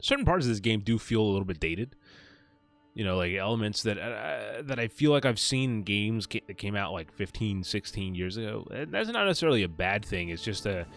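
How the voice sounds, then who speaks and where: A man's voice: lowish voice, animated, fairly quick, vocal fry, a bit bright, faint music behind. A man doing casual live commentary on a video game as a streamer, slangy and rambling.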